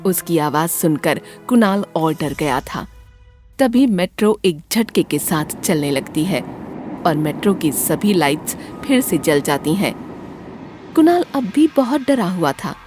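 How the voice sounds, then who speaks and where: A woman with a fairly low voice narrates a scripted horror story, a little slowly, over soft background music. Her delivery is dramatic, with very lively pitch.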